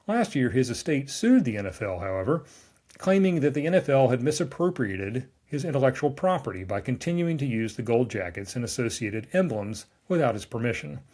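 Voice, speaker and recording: A man's voice: mid-range voice, big pitch swings, fairly quick, a little mellow. A man, a lawyer reading a scripted explainer with wry, dry asides. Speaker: trademark lawyer recapping a newsletter.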